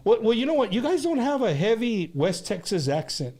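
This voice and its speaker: Casting: lively-pitched male interviewer, high register, informal Spanglish banter, stumbles into repeats. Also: a little fast. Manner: informal, mixes Spanish slang into English. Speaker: show host.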